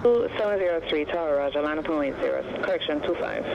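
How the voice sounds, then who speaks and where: A woman's voice: deep voice, fast, creaky. A woman working as an air traffic controller, speaking clipped phraseology over an aviation radio. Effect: aviation radio transmission. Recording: dull radio audio, loud aircraft noise.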